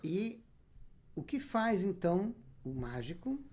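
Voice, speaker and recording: A man's voice: high voice, very animated, takes it slowly, darkish tone. A man, a rabbi giving a spoken lecture and emphatically asking and answering his own questions. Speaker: rabbi teaching Kabbalah.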